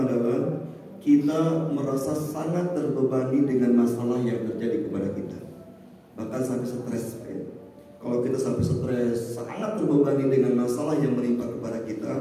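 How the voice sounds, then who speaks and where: Indonesian preacher in an echoey mosque hall. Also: male voice, mid-range voice, dark tone. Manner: storytelling, constantly addressing the congregation with "Pak, ya". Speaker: ustadz preacher. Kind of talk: mosque study sermon. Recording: echoey hall from far off, faint noise.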